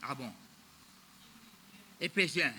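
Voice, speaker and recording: A man's voice: mid-range voice, expressive, slow pace, sharp tone, breathy edge. A man, preaching a sermon as pastor of a church, in a loose, repetitive style that mixes French and Creole. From Mauritius.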